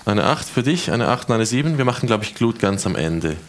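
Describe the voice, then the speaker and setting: A man from Switzerland narrating as game master of a tabletop game, slow and dramatic, voicing figures' quotes. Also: fairly low pitch, sing-song, crowd noise. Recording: music playing behind.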